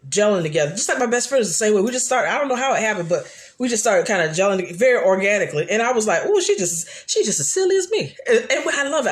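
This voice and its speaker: Loud, laughing woman chatting live. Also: mid-range voice. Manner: chatty and animated, frequent restarts. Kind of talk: casual live chat.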